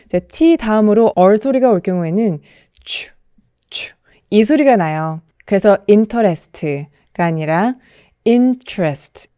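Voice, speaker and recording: A woman's voice: medium pitch, animated, slow, mellow, smooth, no room sound, clean studio sound. A young adult woman giving a scripted pronunciation lesson, carefully repeating model words and explaining between them. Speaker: English pronunciation teacher.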